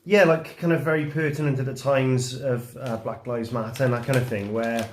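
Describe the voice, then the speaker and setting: A man's voice: mid-range voice, fairly even intonation, normal speed, reverberant, a little hiss or hum. A man chatting casually about books, explaining hesitantly and often rephrasing. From Wales. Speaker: vlogger's husband and guest.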